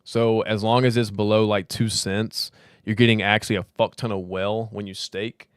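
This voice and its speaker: A man's voice: on the low side, little pitch movement, moderate pace, smooth, no echo, clean studio sound. A man hosting a casual crypto livestream, slightly tipsy and slurring, rambling, swearing and laughing as he chats. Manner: loose, rambling, swears freely, laughs often.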